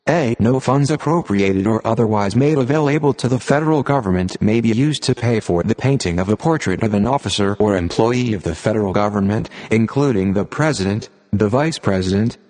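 A synthetic male voice, on the low side, reads formal written text as a narrator. The delivery is impersonal and measured, and the sound carries a long hall-like reverb. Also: a little mellow. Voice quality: synthetic computer-generated voice. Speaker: narrator of an audio reading series. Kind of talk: scripted narration, formal text read aloud.

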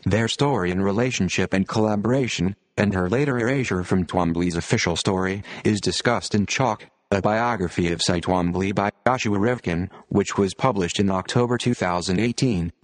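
A man's voice: deep voice, normal speed, few pauses, no room sound. Computer-generated male narrator, old speech synthesizer style. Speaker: narrator of an audio series. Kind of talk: scripted narration, reading an interview aloud.

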